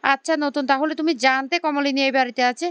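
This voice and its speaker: A woman reading the lines of a jealous, sharp-tongued married woman in a family story. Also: sits high, steady tone, quick pace, no room sound. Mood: needling.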